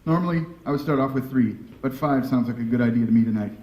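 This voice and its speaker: A man's voice: mid-range voice, fast. A man performing a live comedy juggling act, with showman patter to the audience and self-mocking jokes. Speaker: stage juggler and comic. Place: indoor stage before a live audience. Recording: very echoey distant live room recording with loud noise.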